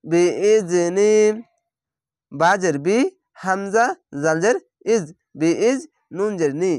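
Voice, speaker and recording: Man, Quran reading teacher with a Bangladeshi Bengali accent, drawn-out chanting with brisk explanations, dry close sound. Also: high voice, animated, no room sound. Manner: drawls each word slowly when chanting, then explains quickly. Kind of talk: spelled-out Quran recitation lesson.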